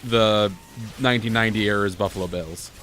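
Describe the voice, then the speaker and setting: A man with a lowish, fairly bright voice offers brisk, jokey game commentary laced with dry sarcasm as a co-host on a gaming video. He's battling a bad cold and coughs along the way, while the noisy room carries game sounds behind him.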